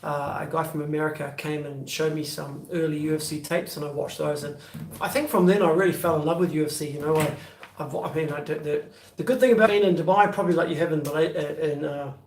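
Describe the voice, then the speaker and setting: A beer vlogger in his fifties with a New Zealand accent answers live-chat questions casually from his bedroom, rambling with many fillers and restarts. His voice is a little high, fast and fairly even in intonation. A phone on a stand at arm's length picks him up from a distance, so the room echoes and there's a little hiss or hum.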